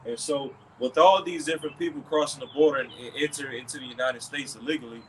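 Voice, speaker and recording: A man talking through a religious commentary in a middle-pitched voice. He rambles, circling back with "okay" and "all right" between thoughts. A faint hiss sits under the recording. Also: fairly even intonation, quick pace, fairly bright tone, low-quality recording.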